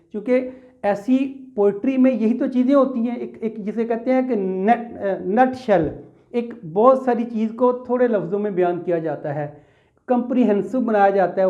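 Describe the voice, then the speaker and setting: A man's voice: sits high, muffled recording. A man with a Pakistani accent teaching English grammar in a classroom lecture. He talks patiently, asks questions and answers them himself, calls his students "beta" and mixes English terms into his explanation.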